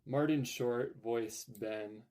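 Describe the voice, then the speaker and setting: A man's voice: medium pitch, slow, darkish tone. A young man hosting a casual podcast, talking in an upbeat, rambling way with lots of fillers. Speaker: podcast host.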